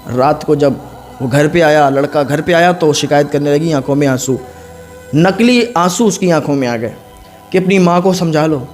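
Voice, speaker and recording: A man's voice: lively intonation, normal speed, soft background music. A male Islamic preacher telling a moral story, acting out the voices of the people in it. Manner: acts out quoted voices, rising in pitch and force. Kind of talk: emotional storytelling sermon.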